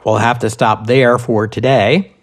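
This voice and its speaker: A man narrates a scripted history podcast in a steady, mid-pitched voice, reading prepared text in measured, deliberate phrases.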